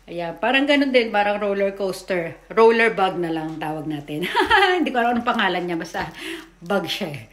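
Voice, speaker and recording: This is a mother narrating her family video in a casual voice-over, her medium-pitched voice very animated at a normal pace in an echoey room. She's chatty, stumbles over words now and then, and tags lines with "o, di ba?".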